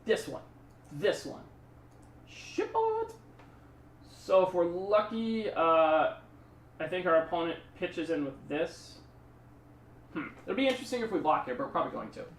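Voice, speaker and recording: A man's voice: fairly high pitch, lively intonation, moderate pace, echoey room, far from the mic, slight background noise. A man streaming a card game, talking through his plays in a rambling, chatty way and thanking subscribers. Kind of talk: casual live-stream commentary.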